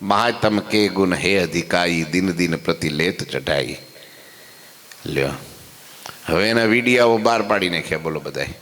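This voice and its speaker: A man telling devotional stories in a sermon, his delivery swinging between loud exclamations and soft quoted speech. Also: deep voice, moderate pace. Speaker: preacher telling scripture stories. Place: temple hall. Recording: long hall reverb.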